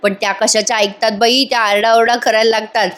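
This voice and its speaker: A woman's voice: on the high side, little pitch movement, brisk, a bit bright. A woman giving a casual voice-over recap of a TV serial, chatting to viewers directly and laughing often. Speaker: TV serial reviewer.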